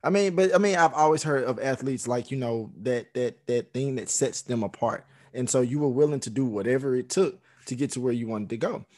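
A man's voice: mid-range voice, a little fast, few pauses, darkish tone. A man hosting a casual interview, asking questions in a conversational way and repeating phrases as he frames them. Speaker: interviewer, host.

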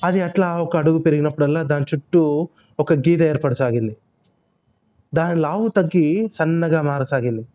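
Expressive male children's storyteller. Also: on the high side, moderate pace, pauses often. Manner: expressive, lively sound words. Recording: muffled lo-fi recording.

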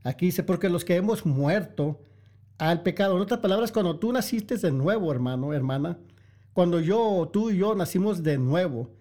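Mellow-voiced pastor. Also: male voice, fairly high pitch. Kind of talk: sermon.

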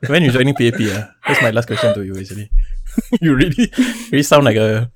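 Male host, lively swooping delivery, Malaysian or Singaporean accent, teasing banter in local slang English. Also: medium pitch, quick pace. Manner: colloquial slang English with lah and alamak, teasing. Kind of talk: casual chat.

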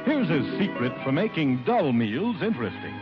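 A man's voice: a little high, sing-song, moderate pace, highs cut off, over loud music. A man delivering a 1940s radio commercial in a persuasive sales voice, heard from an old broadcast transcription disc. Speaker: commercial announcer.

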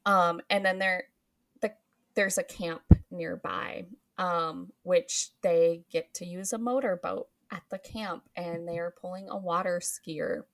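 A woman's voice: lowish voice, fairly even intonation, unhurried, a bit bright. A woman host casually recapping a film's plot, laughing often and filling with um and like. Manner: giggly, frequent ums and likes. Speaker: podcast host recapping a film. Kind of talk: casual chat.

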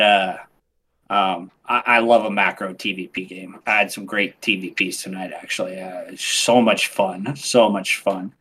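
A man chatting casually as a podcast guest, animated and excitable, often restarting his sentences. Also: lowish voice, breathy edge. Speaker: podcast guest, game streamer. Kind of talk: casual interview chat.

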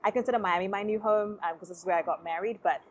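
A young woman from Africa, talking as a podcast guest in a relaxed, reflective way. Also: mid-range voice, racing. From South Africa. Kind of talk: casual interview conversation.

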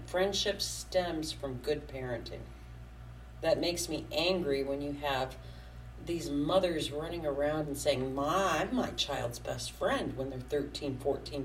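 A woman talking casually as a podcast co-host, giving blunt, emphatic opinions. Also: low-pitched. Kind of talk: casual chat. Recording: slightly distant mic with faint background noise.

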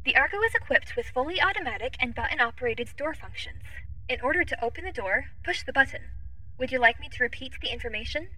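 Woman voicing too-smooth bright android Echo. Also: sits high, fast, heavily acted. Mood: polite, literal. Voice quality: too smooth, even, formal android-like phrasing. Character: too-smooth female AI assistant, polite, literal, curious. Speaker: ship's AI assistant. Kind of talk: audio drama acting.

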